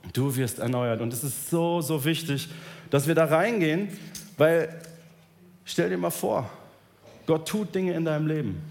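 A male pastor preaching a sermon, telling a story with animated delivery and acting out the people in it. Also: a little high.

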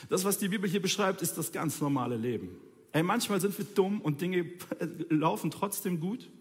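A man's voice: high voice, lively intonation, normal speed, in a large hall. A man preaching an informal sermon, talking straight to his listeners in a colloquial, ironic way.

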